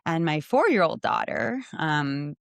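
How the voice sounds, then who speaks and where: A woman, a hospital medical director, speaking as a guest in a conversational storytelling way, reflective and measured with frequent pauses. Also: low-pitched, big pitch swings, vocal fry, dry recording, clean studio sound.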